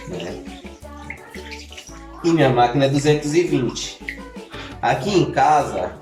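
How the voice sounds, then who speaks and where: A man's voice: mid-range voice, darkish tone, roomy sound. A man in his thirties from Salvador, Brazil, talking casually to his vlog viewers in a chatty, self-mocking way, often restarting his sentences. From Salvador, Bahia, Brazil. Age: 30s. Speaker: family vlogger.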